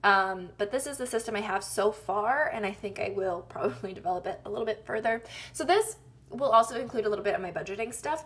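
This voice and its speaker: Chatty young woman with Wisconsin twang. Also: medium pitch. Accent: Wisconsin, slipping in at times. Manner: chatty and rambling, with frequent ums and laughs at herself. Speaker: YouTube vlogger. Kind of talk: casual planner walkthrough vlog.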